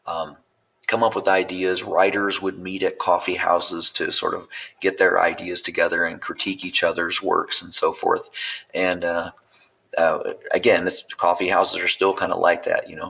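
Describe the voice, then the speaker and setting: A man teaching a recorded class, his low voice rough and gravelly at the edges. The tone is bright but a bit husky, and he wanders through the material with plenty of ums and restarts. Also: poor audio. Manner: relaxed, meandering delivery with frequent fillers and restarts.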